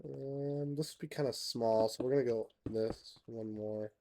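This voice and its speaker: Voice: medium pitch, steady tone, unhurried, dark tone. A streamer from Canada chatting casually while playing a game, laughing often, swearing now and then and reading out chat messages. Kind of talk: casual gameplay commentary.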